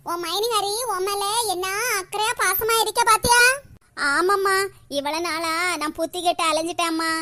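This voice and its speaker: A doting village mother and her sweetly reformed daughter in a Tamil cartoon, both in a very high, bright, sing-song voice put on by a woman. The accent is Kanyakumari Tamil. The sound is close and clear. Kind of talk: animated cartoon voice acting.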